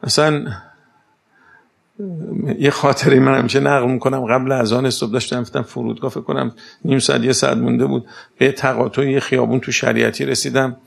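Male speaker, gravelly voice, conversational lecture full of rhetorical questions and stories. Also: medium pitch. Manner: rhetorical questions and lively anecdotes. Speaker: speaker giving a talk.

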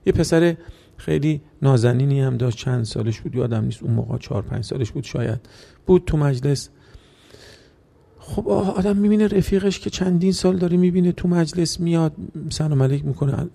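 A man preaching a sermon, moving from hushed storytelling to emotional, near-tearful outbursts in rhythmic, repeated phrases. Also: a little high, lively intonation, creaky.

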